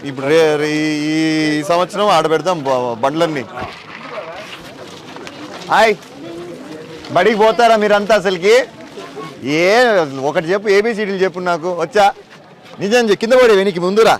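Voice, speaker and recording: A man, a politician touring a village outdoors, talking casually with villagers and children in a brisk, commanding, playful way. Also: high-pitched.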